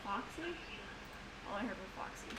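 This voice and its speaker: A woman streaming from home, chatting casually and excitably about game theories, rambling and talking to her pet along the way. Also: medium pitch, normal speed. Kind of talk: casual chat. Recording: noisy home stream audio.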